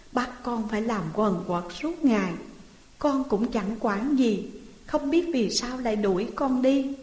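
A woman's voice: fairly high pitch, darkish tone. Woman reading as a pitiful orphan boy pleading. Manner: tearful, pleading. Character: orphaned 13-year-old boy, pitiful and mistreated. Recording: roomy hall reverb.

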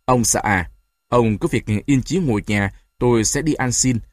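A man voicing a gentle old grandmother who speaks softly and earnestly, in an audiobook reading. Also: medium pitch, normal speed, no echo, studio quality, close to an everyday voice. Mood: pleading. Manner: soft, earnest, soothing.

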